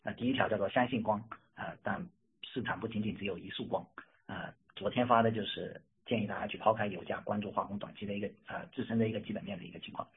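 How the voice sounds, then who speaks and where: 嗓音很哑、语速快的男分析师. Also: male voice, fairly low pitch, steady tone, quick pace, breathy edge. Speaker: industry analyst on an investor call. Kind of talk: semi-formal market briefing. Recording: tinny phone-line conference audio.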